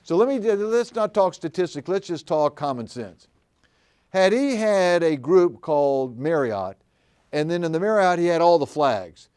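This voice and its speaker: A man's voice: on the high side, sing-song, unhurried, darkish tone, clean tone. Folksy older man teaching a seminar. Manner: folksy, storytelling, asks the room questions. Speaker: commercial real estate trainer. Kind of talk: live seminar talk to an audience.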